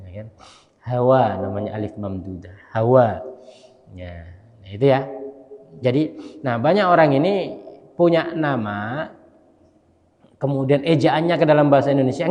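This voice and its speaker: A male mosque imam giving a casual dawn study lecture. He talks conversationally, often checks with listeners through tag questions, and slowly spells out Arabic letters. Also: mid-range voice, a little mellow. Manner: conversational, keeps asking listeners "ya kan?". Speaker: mosque imam and religious teacher. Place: large mosque. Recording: long hall reverb in a mosque.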